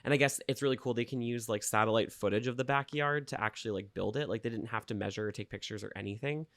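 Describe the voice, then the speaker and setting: A man's voice: medium pitch, quick pace, a bit bright, dry recording. A man co-hosting a podcast, chatting casually and telling stories from his week. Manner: chatty storyteller. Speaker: podcast co-host. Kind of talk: casual chat. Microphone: home computer recording setup.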